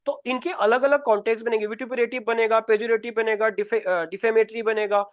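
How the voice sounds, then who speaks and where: A man teaches English vocabulary in Hindi with an Indian accent, racing through words in a very high voice. He keeps posing questions and answering them himself. The sound is dry and close. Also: fairly even intonation, brisk, no room sound. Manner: repetitive, asks and answers his own questions. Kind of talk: Hindi exam-prep lesson, explaining words.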